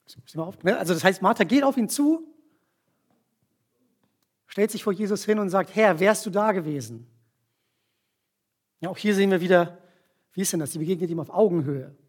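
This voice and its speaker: Guy preaching, kinda husky, fairly high voice, keeps asking the room if they follow. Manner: explains slowly with frequent tag questions. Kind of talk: sermon with volunteer demonstration.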